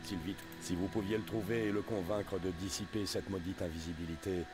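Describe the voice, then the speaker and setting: A man voicing a deep, weary game innkeeper. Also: steady tone, a little fast, lightly acted. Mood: weary pleading. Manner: formal, courteous, pleading. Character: polite weary male village innkeeper, invisible. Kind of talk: dubbed video game dialogue. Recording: game voice over clear game music.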